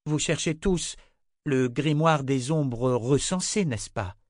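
A brave young female prisoner, voiced by a man reading the audiobook, speaks in a high, strained register. She pushes each line out with force. The sound is close and dry. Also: takes it slowly, dry recording, close to an everyday voice. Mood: insistent.

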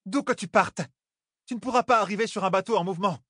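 A man's voice: high-pitched, fast talker, fairly bright tone, no echo, clean studio sound, pitched above the performer's own voice. A man voicing a determined young woman about to become queen, speaking firmly in a raised, commanding voice.

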